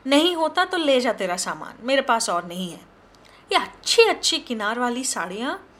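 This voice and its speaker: Bossy, sharp-tongued housewife, high and scolding, played by a woman storyteller. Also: very animated, moderate pace. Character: bossy middle-aged mistress of a house.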